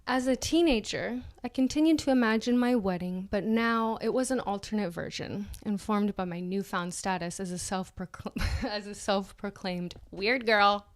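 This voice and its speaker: A podcast co-host reads an article aloud in a mocking, dramatic way, tossing in casual asides and often breaking into laughter. Her voice is mid-range, and she speaks at a normal speed with few pauses.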